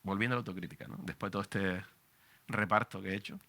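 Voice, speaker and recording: Canarian journalist, forties, passionate panel speaker, sharp bright tone, lowish voice. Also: male voice, steady tone, quick pace. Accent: Canarian Spanish. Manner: passionate, emphatic, frank and profane. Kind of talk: public talk at a book presentation.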